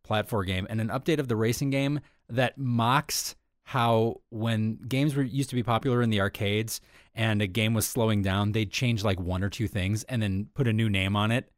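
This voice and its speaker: A man's voice: fairly low pitch, normal speed, dry recording, studio quality. A man co-hosting an entertainment podcast, talking casually and rambling with lots of fillers. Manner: chatty, rambling with many fillers. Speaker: podcast co-host.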